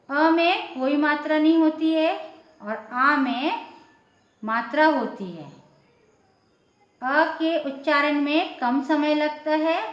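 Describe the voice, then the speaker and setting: A woman teaching a Hindi lesson at a board, spelling out sounds one by one. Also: sits high. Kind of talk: blackboard lesson for beginners. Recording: echoey room, dull lo-fi sound.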